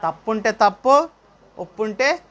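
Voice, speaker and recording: A man's voice: high-pitched, animated, measured pace, a bit bright, a faint crowd. A male pastor preaching a sermon, asking the congregation questions and calling out praise. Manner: preaching with rhetorical questions and call-outs.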